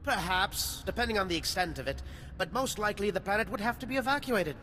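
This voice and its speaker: Fast, pushed, and bright, this man's expressive voice sits high as he plays a pompous, eager scientist hungry for fame in a video game. The character's speech is formal and long-winded, captured in a reverberant hall where background noise can be heard.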